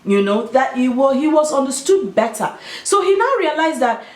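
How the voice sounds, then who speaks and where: Animated woman with an Igbo Nigerian accent. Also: high-pitched, normal speed. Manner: emphatic, with Igbo interjections. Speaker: video host. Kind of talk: casual opinionated talk to viewers. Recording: roomy, echoing sound.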